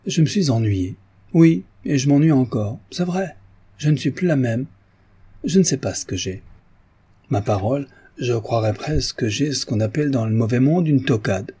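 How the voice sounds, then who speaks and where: A man's voice: medium pitch, animated, normal speed, mellow, slightly rough, voice pushed up. A man reading an audiobook, voicing a flighty, teasing young woman cousin in a raised voice. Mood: playful.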